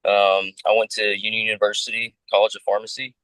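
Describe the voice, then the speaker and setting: A man's voice: on the low side, flat delivery, quick pace, a bit bright, no echo, rough recording. A man in his thirties introducing himself as a pharmacist on a video call, hesitant and full of ums. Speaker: pharmacist applicant.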